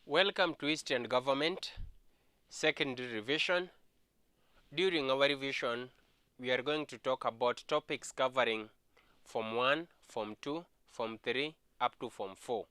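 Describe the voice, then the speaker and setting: Bright, clear Kenyan male history teacher. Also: mid-range voice, dry recording. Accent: Kenyan English. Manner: slow, deliberate, repeats key points. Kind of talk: exam revision lesson.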